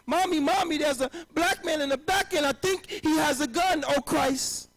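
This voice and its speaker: A man voicing a frightened little girl who screams for her mother in a shrill, panicked cry. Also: moderate pace, a bit bright.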